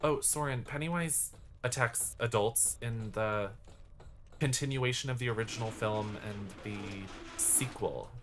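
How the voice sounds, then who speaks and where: A streamer's campy, exclamatory drag-slang chatter accompanies a live game and casual talk with viewers. The voice is medium-pitched, fairly bright and a little slow, with slight background noise.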